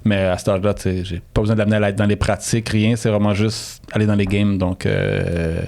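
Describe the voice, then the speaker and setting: A man's voice: lowish voice, level tone, fairly quick, creaky, darkish tone. A middle-aged man with a Québécois French accent, a guest chatting casually in an interview, rambling with many restarts and fillers. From Quebec, Canada.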